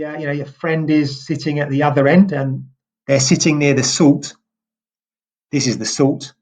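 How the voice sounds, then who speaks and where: A British man from England giving an English pronunciation lesson, speaking slowly and deliberately and repeating example words clearly. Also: a little high. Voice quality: slow and deliberate, drawing out words for emphasis.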